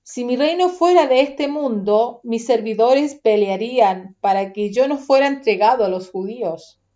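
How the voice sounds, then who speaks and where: A woman reading the part of Jesus as a grown man, slow and grave, softer and lower than her narration. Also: muffled recording, natural voice. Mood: solemn.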